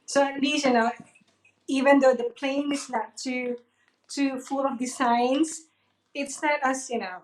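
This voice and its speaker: A woman's voice: high-pitched, fairly even intonation, a little slow. A woman co-hosting a live cake decorating class, chiming in casually and speaking to her viewers directly. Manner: friendly, chimes in, addresses viewers as "guys". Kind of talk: live demonstration, casual chat. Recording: echoey room.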